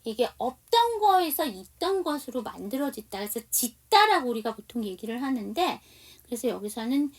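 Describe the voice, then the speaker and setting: A woman teaching English to Korean speakers, reading English lines slowly with a Korean accent and explaining them in Korean, often asking her listeners questions. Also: fairly high pitch, big pitch swings, distant mic. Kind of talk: slow explanatory language lesson.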